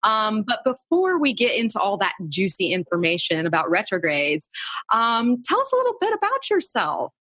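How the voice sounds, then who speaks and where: A woman's voice: medium pitch, wildly swooping pitch, normal speed, a bit bright, no room sound. Chatty woman podcast host, close dry sound. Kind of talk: casual chatty interview hosting.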